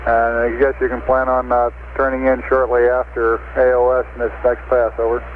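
Give me a man calling over a crackly two-way radio, measured and procedural, with heavy static behind him. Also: medium pitch, completely flat delivery. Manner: measured, with frequent "uh" pauses. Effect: heard over a crackly two-way radio link. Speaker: mission control communicator. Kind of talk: clipped radio procedure talk. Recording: noisy phone-like radio transmission.

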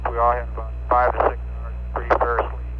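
Over a crackly spacecraft radio link, muffled and carrying faint static, an astronaut radios terse status updates down to mission control. His voice is mid-range, totally flat, and fairly quick.

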